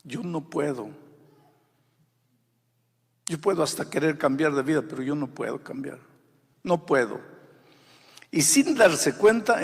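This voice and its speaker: A male pastor preaching a sermon, moving between quiet storytelling and loud, fervent exhortation. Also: medium pitch, vocal fry, husky. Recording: long hall reverb.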